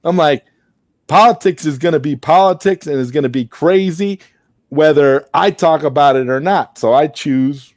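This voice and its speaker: A man hosting a relaxed late-night stream in a fairly high voice. He rambles and restarts his sentences often. His headset sound is dry and close. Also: moderate pace, no echo. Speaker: host. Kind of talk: casual live-stream chat.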